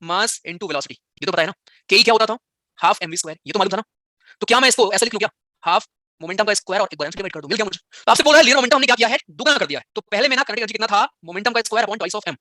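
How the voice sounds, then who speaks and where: Fast-talking bright-voiced male teacher. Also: sits high, lively intonation, no room sound, clean studio sound. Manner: teasing, scolds students by turns. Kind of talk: live online exam-prep class.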